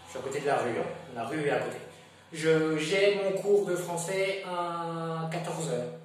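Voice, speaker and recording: A man teaching French to Spanish speakers, explaining slowly and repeating each example, switching between French and Spanish. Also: fairly high pitch, faint music behind. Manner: slow, repetitive explaining, mixing French and Spanish. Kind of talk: bilingual classroom lesson. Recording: echoey room from far off.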